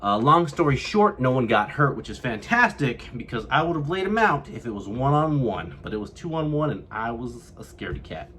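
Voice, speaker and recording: A man's voice: mid-range voice, sing-song, moderate pace, hardly any pauses, fairly bright tone, slight background noise. A young man from California, telling a vlog story to camera and acting out what others said. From California, USA. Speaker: vlogger.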